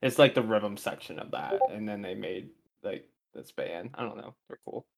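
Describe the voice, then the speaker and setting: A man's voice: fairly low pitch, moderate pace, creaky. A man in casual podcast chat, hesitant and playful.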